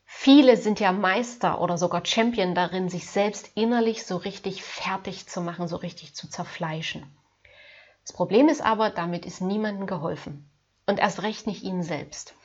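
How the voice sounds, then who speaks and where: A woman life coach giving a gentle, earnest self-help talk straight to the viewer, addressing them formally. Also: medium pitch, moderate pace, muffled recording.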